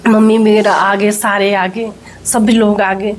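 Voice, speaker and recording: A woman's voice: mid-range voice, flat delivery, takes it slowly, slight background noise. A woman, telling a church testimony and acting out the quoted speech as she goes. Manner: storytelling, acts out quoted speech. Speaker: church member sharing a testimony. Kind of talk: testimony told to an interviewer.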